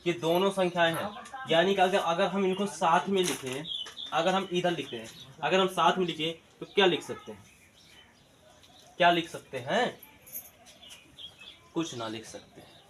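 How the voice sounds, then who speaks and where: A man's voice: high-pitched, moderate pace, fairly bright tone, a little hiss or hum. A man teaching a math lesson, asking questions and answering them himself in a colloquial way. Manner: colloquial eastern Hindi words. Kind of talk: classroom-style math lesson video.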